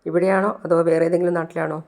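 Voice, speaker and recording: A woman voices an anxious father longing to find his lost daughter, pleading in short repeated questions. The voice sits fairly low and stumbles over its words. It is a plainly told storybook retelling. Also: level tone, very fast, darkish tone, lightly acted.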